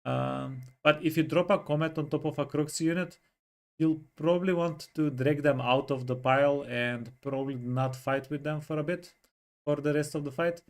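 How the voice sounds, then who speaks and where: A man explaining game tactics in a casual, step-by-step way, with frequent pauses to think. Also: a little high, fairly even intonation. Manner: explanatory, hesitant fillers, walks through tactics step by step. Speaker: co-host giving gameplay tips. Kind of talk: casual gameplay coaching.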